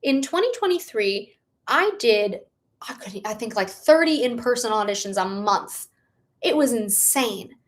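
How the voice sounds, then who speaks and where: A woman's voice: on the high side, lively intonation, a little slow. A young adult woman hosting a casual livestream, answering viewer questions in a bubbly, chatty manner. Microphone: live stream setup.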